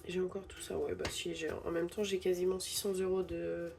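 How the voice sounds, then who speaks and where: Her voice runs low, gravelly and flat, and she talks a little fast. This budgeting channel host, a young woman congested with a head cold, casually narrates her vlog while tentatively counting out bills. Background noise is present.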